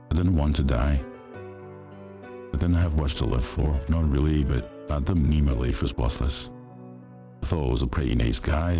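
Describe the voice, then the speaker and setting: A man narrating a first-person horror story in a steady, measured way. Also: very deep voice.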